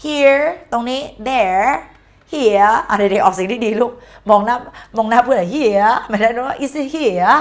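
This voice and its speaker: A woman's voice: on the high side, takes it slowly. A woman teaching an exam-prep English lesson in a chatty, playful way, mixing English words into her speech. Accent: Thai.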